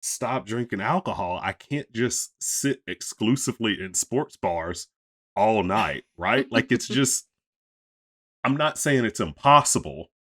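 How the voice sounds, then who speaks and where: A man co-hosting a podcast, talking casually in a halting way and repeating phrases to make his point. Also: lowish voice, expressive, a bit bright, slightly rough. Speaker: podcast co-host. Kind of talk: casual discussion of an animated series.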